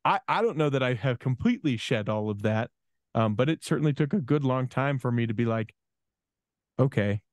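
A man's voice: mid-range voice, animated, a little fast, dry recording. A man in his forties, a podcast co-host in casual conversation, speaking reflectively with frequent restarts into a studio microphone. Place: small studio room. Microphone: studio microphone with headphones.

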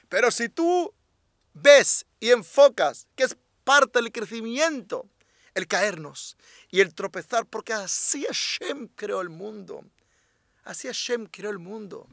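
During a religious class, a rabbi speaks in a high, bright voice. He is emphatic, hammering his points home through repetition and putting rhetorical questions to his listeners. The recording is close and dry, without any room echo.

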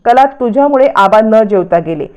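A woman voicing a sharp-tongued older mother-in-law who speaks in an accusing way. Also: mid-range voice, expressive, normal speed, smooth, highs cut off, natural voice.

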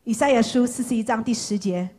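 A woman preacher giving an impassioned sermon to young people, repeating phrases for emphasis and swinging from loud calls to hushed words. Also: on the high side, brisk.

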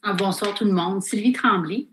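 A middle-aged woman from Northern Ontario, a director of education, introducing herself on a video call in a measured, formal way with frequent fillers. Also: medium pitch, a bit bright, slight background noise, rough recording.

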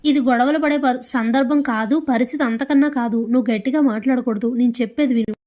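A woman voicing a young husband who tries to calm his family in a pleading, placating manner. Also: on the high side, quick pace, natural voice.

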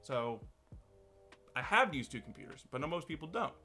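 A man's voice: a little high, very animated, moderate pace, pushed and bright, soft background music. A man hosting his own channel, talking casually to camera in a loose, rambling way with many restarts. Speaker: channel host. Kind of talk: casual talk-to-camera commentary.

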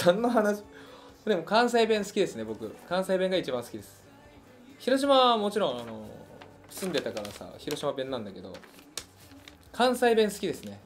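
Chatty singer from Hiroshima, lively pitch. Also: male voice, moderate pace, pauses often, soft background music. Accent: Hiroshima Japanese. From Hiroshima, Japan. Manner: relaxed and chatty, muses aloud with many fillers. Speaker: singer hosting a fan livestream. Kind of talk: casual chat answering listener questions.

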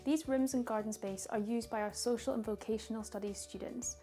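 A young woman narrates a guided tour in a fairly high voice. She is calm and informative, reading prepared lines clearly as a guide would. Music plays behind her. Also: fairly quick. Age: young adult. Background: background music.

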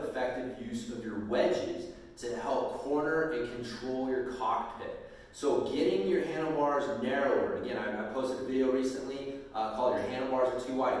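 Echoey casual coaching man. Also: mid-range voice. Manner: casual, demonstrative, frequent fillers. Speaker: mountain bike strength coach. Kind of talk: instructional video talk. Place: home gym with hard floor. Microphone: far camera. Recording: echoey room from far off.

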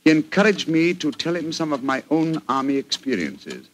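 An actor playing a genial, pompous, bumbling English doctor with a British accent in a 1940s radio drama. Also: male voice, a little high, sing-song, moderate pace. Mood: storytelling. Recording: noisy 1940s radio recording.

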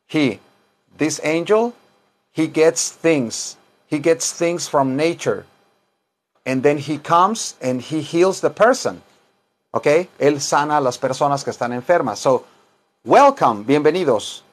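A middle-aged English teacher and self-styled chaplain gives an informal lesson in Spanish and English in a small wood-paneled room. His voice is slightly high for a man with lively intonation, and he goes very slowly, repeating phrases and spacing out words as if dictating.

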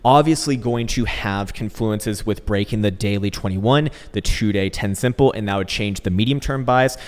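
This crypto channel host talks at a normal speed in a fairly low voice, offering loose, joking market commentary laced with coarse slang. The bare, hard-walled indoor space gives an echo like a warehouse.

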